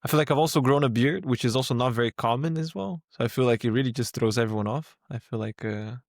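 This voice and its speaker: A man from Brazil co-hosting a casual tech podcast, easygoing and quick to laugh. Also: medium pitch, dry recording, clean studio sound. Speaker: podcast co-host.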